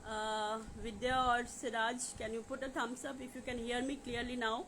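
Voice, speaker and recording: A woman with an Indian accent and a higher-pitched, fairly bright voice hosts a live question session as a life coach, speaking informally to viewers over a noisy livestream. Her pitch moves little, and she repeats herself and halts often, saying "you know" a lot.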